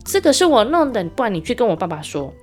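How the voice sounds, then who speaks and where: A woman's voice: mid-range voice, expressive, fairly quick, faint music behind, natural voice. A woman voicing a friendly, playful little pig in a children's storybook tale, cheerful and coaxing. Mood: cross.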